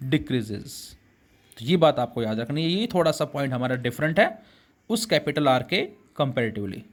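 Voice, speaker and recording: A man teaching physics in Hindi mixed with English terms, calling his students beta and asking questions he answers himself. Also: on the high side. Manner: asks rhetorical questions and answers them himself. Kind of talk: classroom physics lecture.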